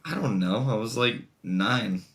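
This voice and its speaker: A man's voice: on the low side, animated, measured pace, a crowd in the background. Dry, understated man in his twenties. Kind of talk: casual podcast chat.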